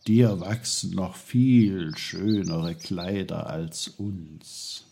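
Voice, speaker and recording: A man voicing old talking trees, speaking slowly and gently with a rumble. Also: creaky, heavily acted. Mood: calm. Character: old wise talking trees, slow and deep.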